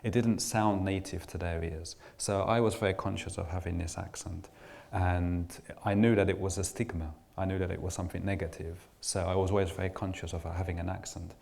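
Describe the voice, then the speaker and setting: This invited speaker, a middle-aged English man, talks reflectively and personally to a crowd, with many restarts and fillers. His low voice is flat in delivery and a little fast, with vocal fry, few pauses and a slightly mellow quality.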